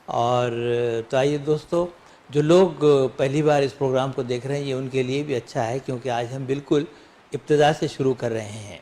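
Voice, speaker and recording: A man hosting a lesson, patiently drilling the letters of the alphabet by saying them slowly and having them repeated back. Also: mid-range voice, warm tone. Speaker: Urdu teacher and show host.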